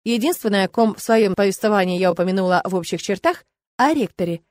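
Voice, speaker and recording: A woman narrating a first-person audiobook in a wry, lively storytelling manner. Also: medium pitch, fast, dry recording.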